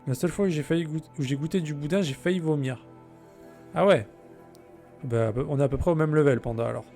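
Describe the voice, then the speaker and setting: A man streaming a video game, chatting casually and joking with his viewers. His voice sits a little high and has a gravelly edge. Faint music plays underneath. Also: fairly quick, darkish tone. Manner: chatty, jokey, answers chat messages. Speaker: let's play streamer. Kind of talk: casual gameplay chat with viewers.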